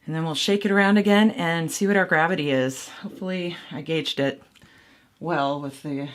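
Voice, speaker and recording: A woman's voice: deep voice, fairly even intonation, normal speed. A woman making mead at home and casually talking the viewer through each step, rambling and poking fun at her own mistakes. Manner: rambling, self-deprecating, thinking aloud. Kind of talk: casual how-to vlog.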